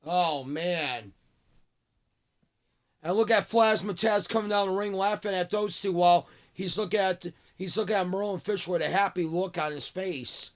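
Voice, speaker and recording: Excitable high-voiced wrestling commentator man. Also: normal speed, rough recording. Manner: excitable, frequent exclamations. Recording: loud crowd and game noise.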